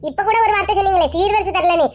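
Resentful, hurt young bride with a Kanyakumari Tamil accent, played by a woman, high-pitched and rapid. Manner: resentful, pleading.

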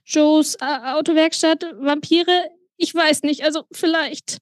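A woman's voice: high voice, steady tone, no room sound, studio quality, voice pushed up. A woman voicing a timid young male werewolf who stammers and stumbles over his words on the phone. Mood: panicky. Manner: stammering, halting.

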